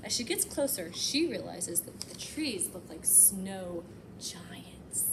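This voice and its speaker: A storytime host reads a picture book slowly in a medium-pitched voice, keeping the delivery animated and expressive. She chats to young children between lines, and the setting is noisy.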